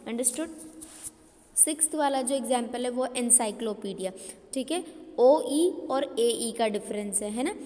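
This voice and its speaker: High-voiced woman teaching in a reverberant room. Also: a little mellow. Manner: checks understanding with frequent tag questions; spells words out letter by letter. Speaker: English teacher. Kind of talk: classroom lecture.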